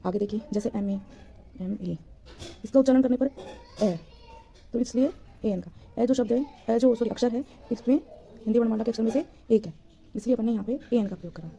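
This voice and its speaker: A woman's voice: a little high, fairly quick, creaky, pauses often, dark tone. A woman teacher giving a grammar lesson, patiently repeating points and answering her own questions.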